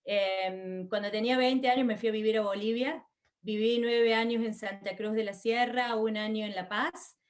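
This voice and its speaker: Woman, Argentine accent, middle-aged, interview guest, talkative, fairly high pitch. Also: fairly even intonation, normal speed. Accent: Argentine Spanish. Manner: chatty, many fillers and restarts. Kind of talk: conversational interview.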